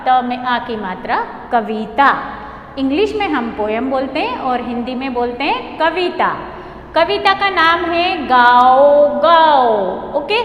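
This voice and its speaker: A woman, a primary school teacher, teaching a children's poem slowly and patiently in a sing-song way, often checking with a little question. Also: high voice, a bit bright. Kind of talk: online class lesson, teaching a poem. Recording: echoey room with long reverb, faint hum.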